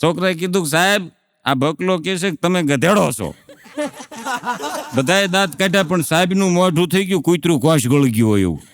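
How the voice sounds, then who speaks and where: Clear-voiced man telling a classroom joke. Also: a little high, animated, moderate pace, dry recording. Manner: acts out classroom dialogue. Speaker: stand-up comedian.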